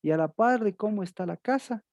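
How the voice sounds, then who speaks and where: A woman's voice: mid-range voice, lively intonation, fairly quick, darkish tone, no echo, studio quality. A woman preaching a sermon in Spanish, building repeated phrases into emphatic declamation.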